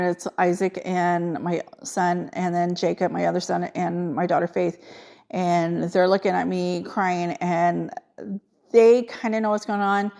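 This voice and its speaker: Middle-aged woman, low and gravelly, emotional halting personal storytelling. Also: darkish tone. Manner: halting, emotional retelling with many fillers. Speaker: nurse.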